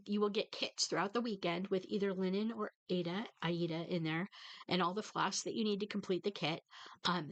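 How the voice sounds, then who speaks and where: A woman vlogger with a medium-pitched voice and no room sound chats casually to viewers about stitching. Stuffed up from a head cold and a bit tearful, she rambles with fillers and restarts.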